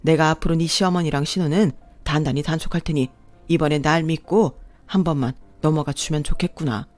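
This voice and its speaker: A performer voicing an older father-in-law who speaks slowly and gravely, full of remorse, in a radio drama. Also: a little high, fairly even intonation, dry recording, faint music behind, lightly acted. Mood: remorseful. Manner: slow, grave, apologetic.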